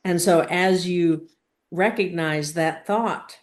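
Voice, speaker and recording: Steady in tone and on the low side, her voice leads a spiritual session through careful, halting phrases, emphatic pauses, and questions that steer the listener.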